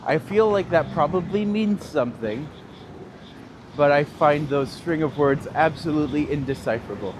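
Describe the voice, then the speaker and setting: This is a man in his 30s, a livestreaming tour guide with a Northern Ontario accent, casually chatting and laughing while he responds to viewers during an outdoor walk. His voice sits a little high and is expressive, moving at a moderate pace. Faint street traffic can be heard on the city street around him.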